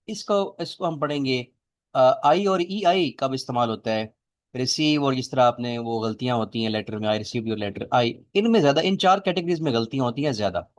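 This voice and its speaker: A man lecturing a classroom, explaining things step by step and quizzing his students. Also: mid-range voice. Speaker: teacher.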